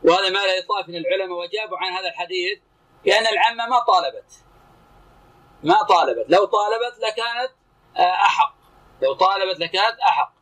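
A man's voice: high-pitched, pushed and bright, low-quality recording. A man teaching as a sheikh, commenting on texts and questioning a student in short, clipped phrases. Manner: terse, brisk, asks and answers in short clipped phrases.

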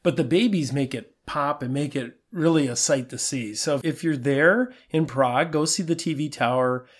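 A man co-hosting a travel podcast, talking in a relaxed, easygoing way and laughing at himself. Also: on the high side, normal speed. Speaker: podcast co-host. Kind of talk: casual travel podcast chat.

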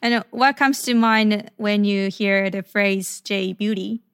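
Smooth-voiced woman co-host. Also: mid-range voice, steady tone, slow pace, fairly bright tone. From Japan. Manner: hesitant, many filler "like"s when unscripted. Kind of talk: scripted narration and casual chat.

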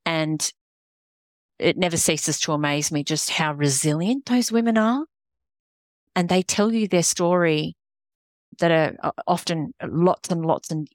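A woman's voice: sits low, dry recording. A middle-aged woman with an Australian accent, talking earnestly as an interview guest, restarting her sentences often. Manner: earnest, rambling with frequent restarts. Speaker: guest, executive coach. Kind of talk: casual interview conversation.

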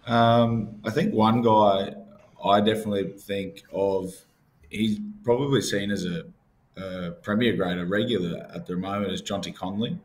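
A man's voice: on the low side, fairly even intonation, moderate pace. An Australian man being interviewed casually, speaking in a hesitant, understated way over faint background noise. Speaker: rugby club captain, guest.

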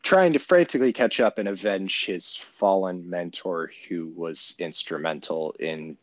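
Low-voiced man rambling through a podcast story. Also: a little slow, no room sound, dull audio. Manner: profane, rambling retelling with many restarts. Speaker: podcast co-host. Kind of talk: casual podcast chat.

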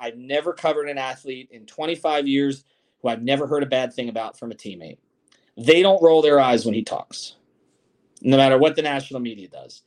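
A man in his forties hosting a sports podcast. He reads viewer comments and speaks bluntly and emphatically, with some swearing. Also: mid-range voice. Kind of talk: live-streamed sports podcast chat.

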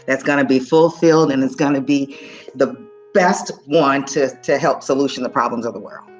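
A woman's voice: extremely low pitch, moderate pace, a little mellow, soft background music. Upbeat woman giving a motivational talk. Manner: upbeat, emphatic, rallying. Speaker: guest speaker.

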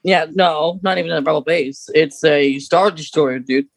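A man with a slightly high voice and some vocal fry talks at a normal speed. He co-hosts a podcast, chatting casually and informally as an enthusiastic sci-fi book fan.

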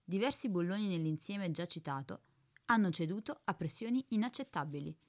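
A woman voicing a calm, precise spaceship computer in a radio drama, speaking in a flat, formal, bureaucratic way. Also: fairly low pitch, a little fast.

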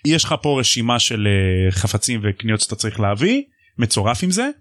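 A man hosting a podcast, casually retelling a book chapter in a jokey, animated way and acting out the voices. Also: on the low side, no echo. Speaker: podcast host.

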